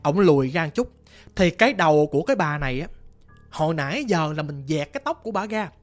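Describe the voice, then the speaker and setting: Speaking directly to the listener, a narrator with a Southern Vietnamese accent tells a ghost story in a casual, animated, dramatic style. The voice is medium-pitched and fast, with faint music in the background.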